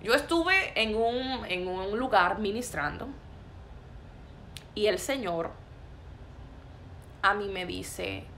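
Casting: a woman preacher, forceful sermon delivery, bright voice, faint noise behind. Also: mid-range voice, animated, takes it slowly, pauses often. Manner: emphatic, repetitive and forceful.

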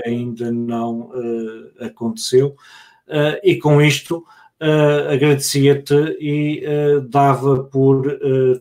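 Slow, flat-voiced male live-stream host. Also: mid-range voice. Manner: halting, with many filler sounds. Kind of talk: hosting a live online talk.

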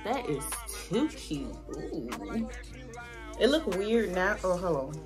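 A chatty woman in her thirties with a Southern US accent, talking casually to the camera at home. Her voice sits a little low and stays friendly and direct. Soft music plays faintly behind her. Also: big pitch swings, slow pace. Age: 30s. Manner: chatty, playful, talks straight to viewers. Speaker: vlogger. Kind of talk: casual vlog chat to camera. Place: home bedroom.

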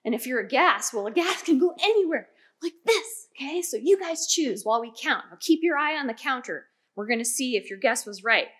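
A woman's voice: sits high, fairly quick. A woman hosting a children's science lesson, talking playfully and directly to young viewers. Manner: animated, playful, talks straight to children. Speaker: children's science show host.

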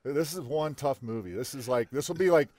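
An older man from Idaho co-hosting a sports talk show, chatting casually and excitedly. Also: medium pitch, a little fast, no echo, clean studio sound. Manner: excited and boisterous. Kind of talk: casual chat.

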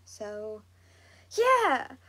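A woman's voice: sits high, big pitch swings, drawn-out words, sharp tone. A woman in her late thirties from Southwest Florida with a Southern accent, hosting a casual livestream talk show with lots of fillers and laughs. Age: 30s. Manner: rambling, giggly, lots of fillers. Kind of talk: casual chat with live chat viewers.

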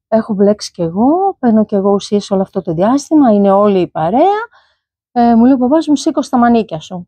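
Middle-aged woman, mellow voice, dry close sound, hesitant testimony. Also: mid-range voice, no room sound. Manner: hesitant, many "e" fillers, quotes her parents. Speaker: guest giving a faith testimony. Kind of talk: personal testimony, recounted story.

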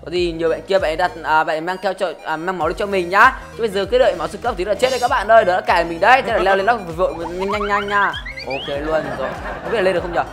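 A woman's voice: lowish voice, racing. A woman hosting a gaming channel, giving playful, teasing commentary as she plays, laughing often. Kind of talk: casual game commentary. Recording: game music behind the voice.

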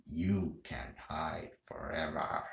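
A man putting on a menacing deep villain voice. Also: steady tone, vocal fry, full character voice. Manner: slow, low, threatening. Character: menacing calm male game villain. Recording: roomy echo.

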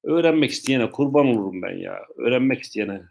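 A man teaching English in a live online lesson, explaining slowly, repeating himself and joking with viewers' questions. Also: mid-range voice, expressive, gravelly, darkish tone.

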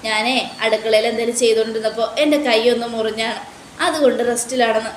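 A woman's voice: fairly high pitch, steady tone, fast talker, echoey room, a little hiss or hum, natural voice. A woman doing a fretful, tearful mother. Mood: grieving. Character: fretful middle-aged mother, tearful and protective.

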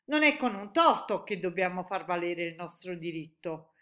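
A woman voicing a stern, commanding queen who speaks in a measured, firm way. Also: lowish voice, expressive, fairly bright tone.

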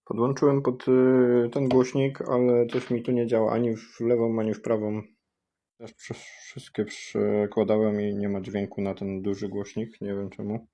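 A man's voice: on the low side, completely flat delivery, moderate pace, warm tone. A man testing gadgets in a casual unboxing vlog, thinking aloud, hesitant, with many fillers. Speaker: product tester vlogger. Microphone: cheap USB microphone.

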